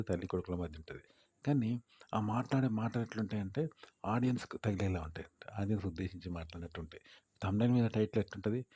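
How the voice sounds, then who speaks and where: Man rattling off youtube tips, quick and mellow, keeps repeating himself, faint hiss behind. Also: fairly low pitch. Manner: rambling, repeats points, asks listener "see?". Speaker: YouTube creator giving tips. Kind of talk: casual explanatory talk.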